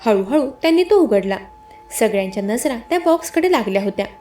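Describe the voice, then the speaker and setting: High-voiced woman narrating a dramatic story. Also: lively intonation, fast, dark tone, soft background music. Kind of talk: first-person scripted story narration.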